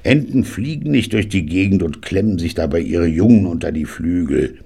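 A man's voice: low voice, animated, moderate pace, dark tone, heavily acted. A man reading an audiobook and voicing a cantankerous, scornful 99-year-old grandfather. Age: older. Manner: gruff, scornful, blustering.

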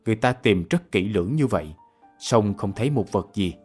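A low male narrator, reading, telling the story in an even, measured way. Faint music plays behind his voice. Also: husky. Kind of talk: radio drama narration.

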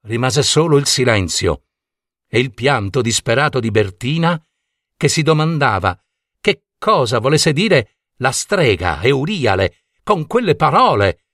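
Slow, expressive male storyteller. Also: mid-range voice, no echo, studio quality. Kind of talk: scripted fairy-tale narration.

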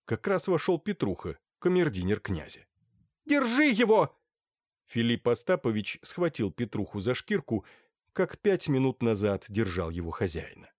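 A man reading a novel aloud as an expressive audiobook narrator, voicing each character. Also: on the low side, normal speed, dry recording, clean studio sound. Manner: animated, voices each character. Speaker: audiobook reader.

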